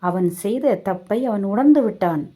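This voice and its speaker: A woman voicing a kindly old village grandmother who gently consoles and urges calm. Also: medium pitch, moderate pace, close to an everyday voice. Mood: consoling.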